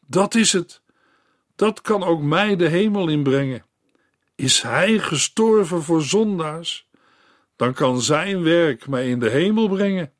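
A man's voice: on the high side, a little slow, no echo, voice pushed up, natural voice. A frightened woman on her deathbed, anguished and remorseful, crying out in a lifted voice, as a male narrator puts her on. The storybook reading is close and dry.

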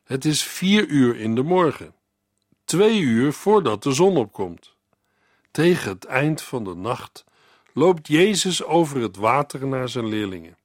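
A man reads scripture and reflects on it in a measured, earnest way, turning now and then to speak to the listener. His voice sits at an ordinary middle pitch. The recording is dry and close, with no room sound. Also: very animated, no room sound. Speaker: radio Bible teacher. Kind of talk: Bible reading and devotional commentary.

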